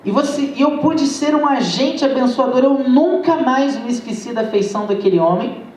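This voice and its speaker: A man's voice: extremely high pitch, moderate pace, darkish tone, far from the mic. A man with a Brazilian Portuguese accent preaching a sermon, telling a testimony and calling the congregation his brothers. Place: church sanctuary. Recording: echoey church, heard from afar.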